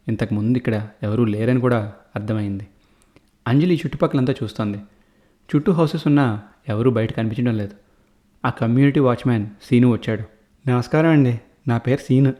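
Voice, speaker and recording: A man telling a horror story, voicing each character in turn and getting higher and louder when they are frightened.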